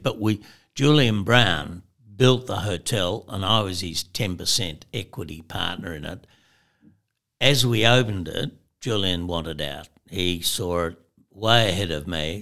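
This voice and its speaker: A man's voice: deep voice, gravelly, fairly bright tone. An older Australian man, a former publican and fly fisher, telling stories as an interview guest, chuckling and acting out the voices of people in them. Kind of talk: anecdotal storytelling.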